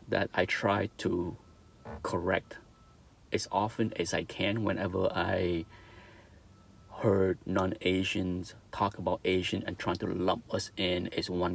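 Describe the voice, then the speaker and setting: A middle-aged Vietnamese man with a Vietnamese accent vlogs an earnest opinion monologue in a low, creaky voice, with slight background noise. He repeats his points and keeps checking in with "okay?".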